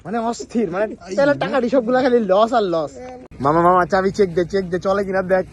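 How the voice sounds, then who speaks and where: A man's voice: high-pitched, animated, quick pace. A man with an Old Dhaka accent vlogging casually at night on a motorbike, exclaiming and chatting with friends, cold and worn out. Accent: Old Dhaka Bangla. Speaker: motovlogger. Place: city road at night, on a motorbike. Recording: noisy outdoor street recording. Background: traffic and street noise.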